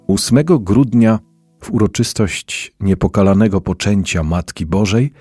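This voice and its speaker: A man reading a devotional story aloud in a measured, expressive way. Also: deep voice, husky, no echo, studio quality. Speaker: reader of daily devotional stories.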